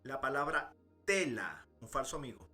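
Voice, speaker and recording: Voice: medium pitch, sing-song, normal speed, sharp tone, soft background music. Eager podcast co-host. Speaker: co-host asking questions. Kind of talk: casual podcast chat.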